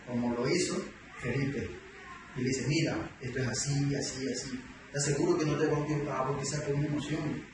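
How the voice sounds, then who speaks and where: A man, emphatic and full of rhetorical questions. He is recorded from a distance in a large church hall, with a strong echo and a constant background noise. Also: a little high. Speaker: preacher teaching doctrine. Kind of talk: sermon.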